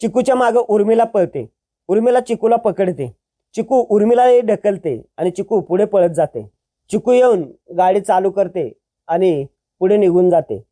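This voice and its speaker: Brief: plot-retelling storyteller, steady and plain, dark and warm in tone. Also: mid-range voice, normal speed. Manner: plain storytelling with dialogue tags. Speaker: narrator.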